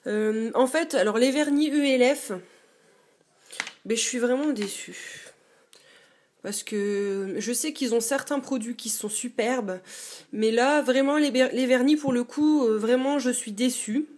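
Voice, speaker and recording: A young woman vlogging from a dim bedroom, her voice sitting a little high. She talks in a casual, chatty show-and-tell way. She pauses often and fills the gaps as she goes. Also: darkish tone. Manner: chatty, hesitant, many fillers. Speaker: beauty vlogger.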